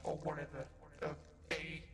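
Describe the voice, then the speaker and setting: A man's voice: on the high side, completely flat delivery, moderate pace, a bit bright. A man giving horror game commentary as a streamer, sounding scared, stammering and exclaiming. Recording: roomy, reverberant, far from mic.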